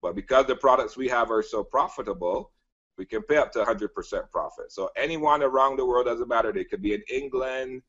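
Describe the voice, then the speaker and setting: A man from Barbados giving an emphatic sales pitch as a guest, repeating phrases and filling pauses with "you know" and "uh". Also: fairly bright tone. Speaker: guest business presenter. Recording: dull lo-fi audio.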